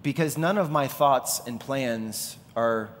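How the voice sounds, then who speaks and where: A man's voice: medium pitch, takes it slowly, a little hiss or hum. Man preaching in a reverberant hall. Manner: conversational, animated storytelling. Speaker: pastor. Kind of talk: sermon.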